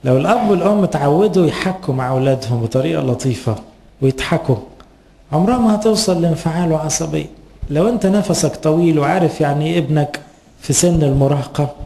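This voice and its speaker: A man's voice: on the high side, animated, fast talker, creaky, dark tone. A man with an Egyptian Arabic accent, a priest giving an earnest, advising sermon to parents and asking rhetorical questions.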